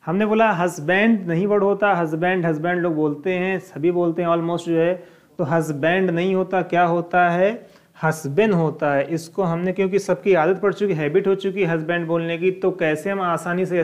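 High-voiced teacher asking questions. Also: male voice. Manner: repetitive, asks rhetorical questions and answers them. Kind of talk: classroom lesson explaining English words.

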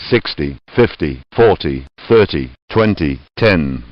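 A man's voice: extremely low pitch, expressive, takes it slowly, no echo. A man making terse, clipped automated callouts as a cockpit warning voice. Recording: dry, muffled lo-fi alert.

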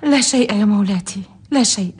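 A woman's voice: mid-range voice, fast talker, darkish tone, husky. An actress playing a deferential servant woman in a noble household in a historical radio drama, speaking formally. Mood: plaintive.

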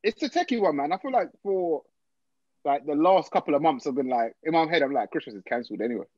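A man's voice: a little high, lively intonation, a little fast, no echo. A man with an urban London street accent, chatting casually in slang as a podcast co-host on a video call. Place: home, on a group video call. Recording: dull, lo-fi video call audio.

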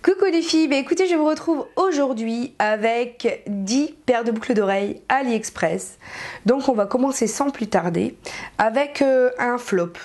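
A woman's voice: on the high side, darkish tone. A young woman casually reviewing cheap earrings in a chatty, frank way, full of fillers and slang. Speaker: beauty vlogger.

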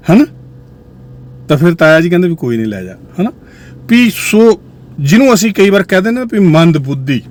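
A male host talking to viewers in a musing way, often sinking to a low quiet voice. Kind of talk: reflective commentary to viewers.

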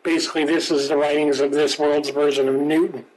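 A man's voice: fairly high pitch, level tone, brisk, a little mellow, rough recording. A man playing a video game on stream, chatting casually, reading in-game text aloud and chuckling often. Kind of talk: casual gameplay commentary.

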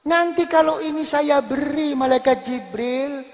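A male preacher with a Javanese accent delivers a sermon in an unusually high voice, slow and emphatic, repeating key words and asking the congregation questions. His voice rings with the long reverb of a large hall. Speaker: Islamic preacher.

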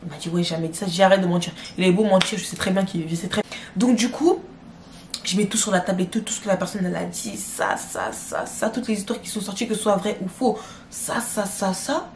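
A woman's voice: mid-range voice, quick pace, a little hiss or hum. A young woman vlogger retelling a drama in a casual, slangy storytime, talking straight to her viewers. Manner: slangy, addresses viewers directly, animated retelling. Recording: roomy echo.

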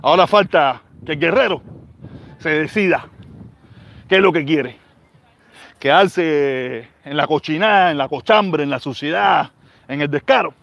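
A man's voice: a little high, a bit bright, no echo. Angry Cuban man ranting on a livestream. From Cuba. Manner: angry, repetitive, street slang. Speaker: channel host. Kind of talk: heated livestream rant reading comments.

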